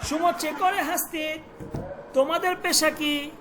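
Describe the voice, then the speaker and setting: A Persian teacher who repeats words slowly for pronunciation and quizzes the students. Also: high-pitched, fairly even intonation, heavy background noise. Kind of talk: online language lesson.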